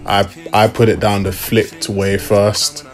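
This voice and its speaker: A young man talking through a sewing tutorial in a relaxed, casual way, with the odd um along the way. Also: lowish voice, slow. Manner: relaxed, step-by-step explaining with fillers. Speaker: fashion DIY vlogger. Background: hip hop music.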